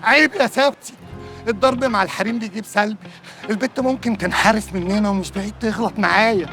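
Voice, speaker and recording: Rambling Egyptian joker, mock-earnest, light music behind. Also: male voice, sits high, sharp tone. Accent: Egyptian Arabic. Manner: fast comic rambling, mock pleading. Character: glib, rambling young man, comic meddler.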